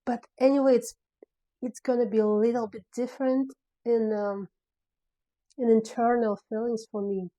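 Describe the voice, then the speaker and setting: A filmmaker vlogger with a Russian accent, not a native English speaker, talks through her filmmaking plans in a casual video diary. She sounds hesitant, searching for words with many fillers, restarts, and frequent pauses. Her voice is fairly high and dark in tone, with fairly even intonation at a moderate pace, and the highs are cut off.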